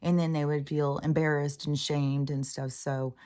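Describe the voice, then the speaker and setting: Her voice is notably low, scratchy, and darkish, and her tone stays level at a moderate pace as she talks loosely about spiritual experiences. Sounding like a channel host speaking openly, she wanders off mid-thought, returns, and curses without hesitation in this rambling, casual monologue.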